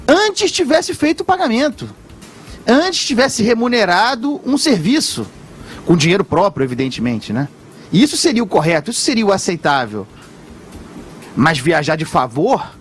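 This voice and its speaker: A man with a Brazilian accent giving forceful, rhetorical radio commentary with measured build-ups. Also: a little high.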